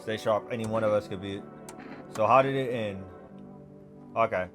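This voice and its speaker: A man hosting a gaming video, thinking out loud in casual, slangy let's play commentary. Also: lowish voice, moderate pace, over music.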